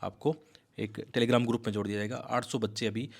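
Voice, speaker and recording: Fast-talking man teaching exam prep. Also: lowish voice, level tone, creaky. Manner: rapid, emphatic, coaxing students, mixes English words. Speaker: civil service exam coaching teacher. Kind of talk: fast explanatory lecture.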